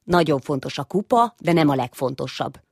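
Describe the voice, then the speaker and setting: A woman's voice: low-pitched, animated, no echo, studio quality. A woman voicing a patient but firm father mouse who warns his sons. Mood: fatherly. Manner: gentle, strict when warning.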